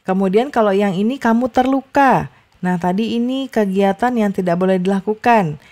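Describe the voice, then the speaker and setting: A young woman tutoring young children in a chatty, casual way, often adding a soft "ya" and stressing words strongly to model intonation. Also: medium pitch, normal speed. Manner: chatty, many fillers and tag "ya"; exaggerated emphasis when modeling intonation. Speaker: online tutor.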